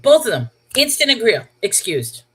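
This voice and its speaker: A woman's voice: a little high, sing-song, normal speed, slightly rough, low-quality recording. A woman from New York telling a personal story on a livestream in a casual, chatty way, checking in with her listeners and wondering aloud. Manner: chatty, checks in with "okay?" and "all right?"; wondering aloud, rhetorical questions. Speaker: channel host.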